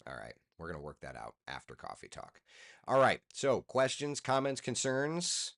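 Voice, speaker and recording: A man's voice: medium pitch, huge pitch swings, moderate pace, creaky, a bit bright. A tired man, a TV weatherman, chatting casually on a live stream while walking through forecast maps. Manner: loose, chatty, talks to himself while working. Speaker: TV meteorologist hosting a live chat.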